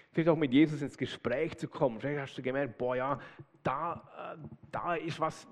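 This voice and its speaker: A man preaching a sermon in a lively, conversational way with casual asides. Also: mid-range voice. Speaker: pastor. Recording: long hall reverb.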